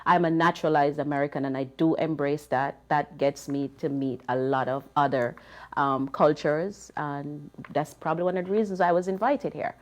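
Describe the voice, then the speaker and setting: Low-voiced Jamaican woman. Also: fairly even intonation, moderate pace. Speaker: panelist. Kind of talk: casual panel talk.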